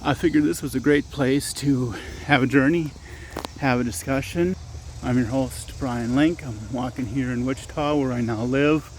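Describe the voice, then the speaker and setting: A man hosting his own channel, a storyteller, talks casually while walking outdoors at dusk, rambling with lots of restarts and self-corrections. His voice is medium-pitched, a little mellow, and fairly even at a moderate pace, in a low-quality recording with a little hiss or hum.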